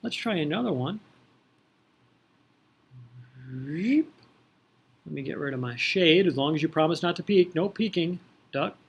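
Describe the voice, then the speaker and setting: Male algebra teacher, slightly high voice, playful and jokey, talks to the class through a video. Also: expressive, a little fast, creaky, husky. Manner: playful, joking, teasing the class. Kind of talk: recorded video math lesson.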